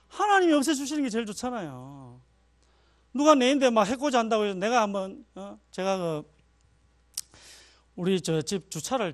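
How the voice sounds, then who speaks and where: A male pastor giving a chatty sermon, telling personal stories and laughing at himself. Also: high voice. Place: church.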